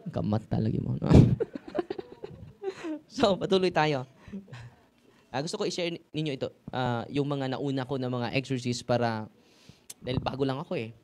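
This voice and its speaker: A Filipino-accented priest preaching in a loose, conversational way, peppering his talk with little tag questions. His voice sits at an ordinary middle pitch, and now and then he rises into loud, ringing exclamations. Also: fairly quick, slight background noise. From Philippines. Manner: chatty, tag questions, mixes languages, sudden loud exclamations. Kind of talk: informal sermon to a live audience.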